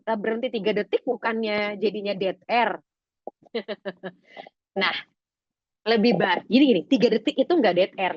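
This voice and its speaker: A woman public speaking trainer leading a webinar lesson, expressive and lively as she demonstrates techniques. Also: medium pitch, no echo. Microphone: video call. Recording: dull lo-fi video call audio.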